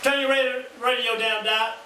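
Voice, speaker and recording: A man's voice: very high voice, level tone, normal speed. A man hosting a live radio discussion and call-in, prompting others and asking them to agree. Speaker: radio talk show host. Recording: echoey, distant, noisy radio recording.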